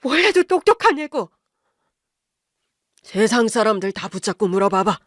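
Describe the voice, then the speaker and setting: A woman voicing a strong-willed middle-aged wife, insistent and emotional, in a higher voice and a dry recording. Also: very animated, normal speed, dry recording.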